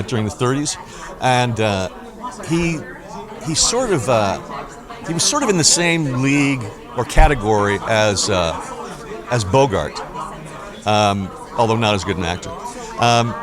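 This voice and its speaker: An older male actor talking casually in an interview at a convention, halting and reflective in short phrases. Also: medium pitch. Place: busy convention. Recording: busy convention crowd noise. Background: crowd chatter.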